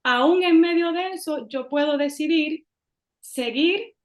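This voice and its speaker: A woman hosting, giving a measured, explanatory reflection on therapy. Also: high voice, reverberant.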